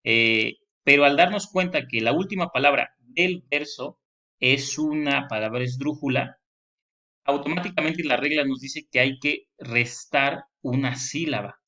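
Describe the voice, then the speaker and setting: A man's voice: mid-range voice, measured pace, bright, forceful tone. A male teacher giving a recorded lecture, explaining step by step with frequent fillers and restarts. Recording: dull lo-fi recording.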